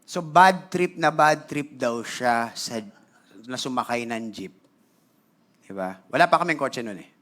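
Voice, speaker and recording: Bright-voiced Filipino pastor telling a story. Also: male voice, mid-range voice, measured pace. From Philippines. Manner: animated, conversational, switching between Tagalog and English; clears his throat often. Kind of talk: storytelling sermon to a congregation.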